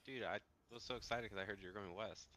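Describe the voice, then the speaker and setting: A man's voice: lowish voice, fast, a bit bright, slight background noise. A man on gaming voice chat, upbeat and hyping up the group. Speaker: guildmate on voice chat.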